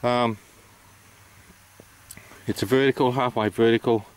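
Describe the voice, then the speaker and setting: A man's voice: mid-range voice, steady tone, a little slow, clean tone. A man with an Australian accent giving an informal, matter-of-fact explanation, hesitant and unscripted as he goes. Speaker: amateur radio operator presenting.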